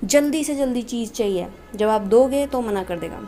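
This woman, an Indian-accented homeopathy teacher, reads notes aloud and explains them in a conversational way, frequently saying "okay." She has a fairly high, dark-toned voice with lively intonation at a moderate pace. Faint music and clear background noise sit behind her noisy home-made screen-recording voiceover.

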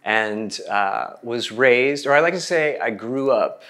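In a bright indoor room, a middle-aged artist from Oklahoma, United States, tells his story in an interview with an American accent. His medium-pitched voice is animated, pushed and bright, and he takes his time.

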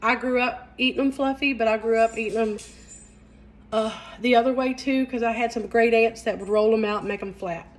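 This cooking show host is a middle-aged woman from the Southeast Kentucky mountains, chatting away folksily with an Appalachian accent and plenty of "y'all" during a live stream from her home kitchen. She speaks a little fast, in a steady tone, on the high side.

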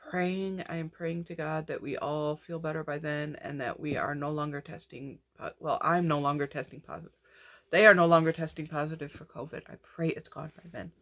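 A young woman with a low-pitched voice talks casually to her viewers about her crochet makes. She rambles and restarts her sentences often, in an easygoing home-vlog manner. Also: fairly even intonation, a little fast, a bit bright. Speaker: crochet vlogger. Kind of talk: casual chat.

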